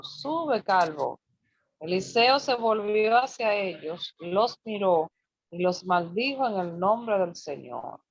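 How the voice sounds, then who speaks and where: A woman reads scripture slowly and carefully, her words measured. Her voice comes through a video call and sounds dry and muffled. The pace is unhurried throughout. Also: medium pitch, dry recording. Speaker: congregant reading scripture. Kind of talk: reading scripture aloud on a call.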